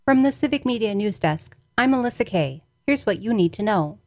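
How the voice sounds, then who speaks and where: A woman's voice: mid-range voice, animated, moderate pace, faint music behind. A woman reading scripted local news announcements from a news desk.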